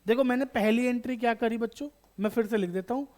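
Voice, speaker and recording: A man's voice: very high voice, fast, a little mellow. A man teaching an online accountancy lesson to school students, asking them questions and answering them himself, repeating key terms and addressing them as children. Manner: calls students beta, bachche, addresses viewers directly. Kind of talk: online exam-prep lesson.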